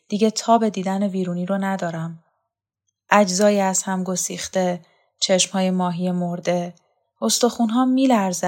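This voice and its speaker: A woman voicing a lonely, haunted former actress, weary and bitter, in a quiet confessional storybook reading. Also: lowish voice, natural voice.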